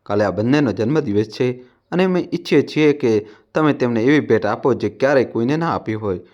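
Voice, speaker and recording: A man's voice: mid-range voice, lively intonation, brisk, darkish tone, highs cut off, lightly acted. A man reading an eager younger son.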